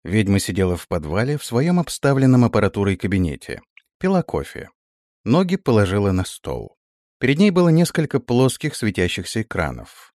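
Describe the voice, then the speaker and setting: A man's voice: on the low side, wildly swooping pitch, fairly quick, a little mellow, no room sound, clean studio sound. A man reading a fantasy audiobook aloud, narrating expressively and voicing every character.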